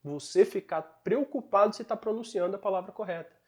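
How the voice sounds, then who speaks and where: A man's voice: high-pitched, fairly quick. A man with a Brazilian Portuguese accent teaches an online English lesson in an encouraging, explanatory way.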